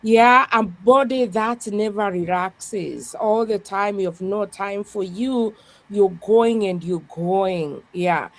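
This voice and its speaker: In a slow, mid-range voice with a dry recording, a woman pastor talks earnestly as a guest on a reflective podcast. Her voice is strong, and she often says "yeah" along the way.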